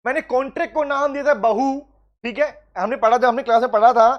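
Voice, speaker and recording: A man teaching law in a live online class. He mixes English legal phrases into his talk and urges students by name to reply quickly. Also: extremely high pitch, fairly even intonation, dull audio. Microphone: video call.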